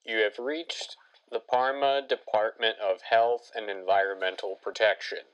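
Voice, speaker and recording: A man's voice: on the low side, normal speed, a bit bright, lo-fi sound. A man voicing a formal department voicemail greeting, heard as a recording over a landline phone.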